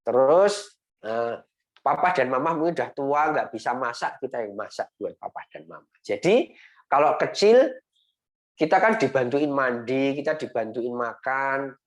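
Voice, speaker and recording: A man teaching young children in Sunday school over a video call, gentle and repetitive, often ending phrases with a coaxing "ya". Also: medium pitch.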